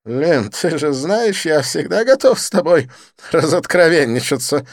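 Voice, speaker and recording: A man voicing an excitable, theatrical, quick-tempered gossip in an audiobook, with a shrill, exclamatory, huffy delivery. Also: no room sound, studio quality. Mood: wounded, pleading. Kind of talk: audiobook character voice.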